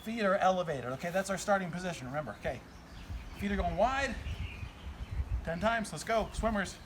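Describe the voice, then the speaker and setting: A high-voiced man in his forties coaches exercise in a casual, encouraging way. He is recorded outside in a garden, with clear noise behind his voice. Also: animated, a little fast. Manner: encouraging, counts and cues. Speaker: fitness trainer hosting a workout video. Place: outdoor garden.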